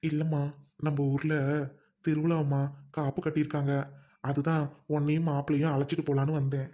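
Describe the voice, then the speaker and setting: A woman's voice: low-pitched, level tone, a little fast, mellow. A woman playing a humble village older brother. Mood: earnest. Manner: earnest, pleading, affectionate. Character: poor, kind-hearted village older brother. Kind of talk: family drama skit.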